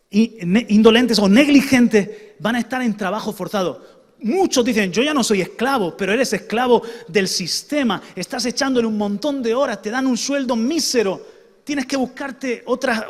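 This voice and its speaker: A man from preaching a sermon as pastor, shifting between loud emphasis and soft asides. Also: very high voice, moderate pace, long reverb tail.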